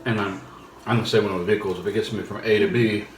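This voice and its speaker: Low-voiced man chatting, echoey noisy room. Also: steady tone, fast talker. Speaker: host's husband, co-answering questions. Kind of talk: casual chat. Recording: roomy echo, clear background noise.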